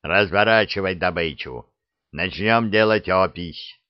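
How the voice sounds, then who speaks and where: A man's voice: sits low, unhurried, dry recording. A man voicing a huffy, wise old male dragon who grumbles and lectures, in a dull, dry recording. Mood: scornful.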